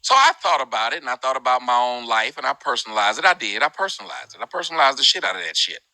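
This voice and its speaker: A man hosting a live group discussion in casual, animated talk, his voice jumping high when he mocks. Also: racing, dry recording, low-quality recording. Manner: animated, swings high and loud when mocking.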